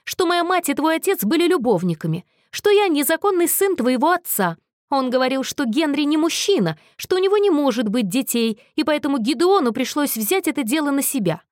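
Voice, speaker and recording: A woman's voice: high-pitched, very animated, brisk, dry recording, studio quality, voice pushed up. A woman playing a snarling, bitter young man. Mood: furious, accusing. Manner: snarling, raised, accusing voice.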